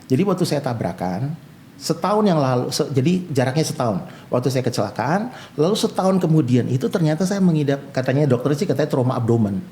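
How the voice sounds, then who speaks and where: A man's voice: mid-range voice, fast talker, a little hiss or hum. A male pastor, telling his own life story in an interview and acting out the voices of people he quotes. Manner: animated storyteller who acts out quoted voices.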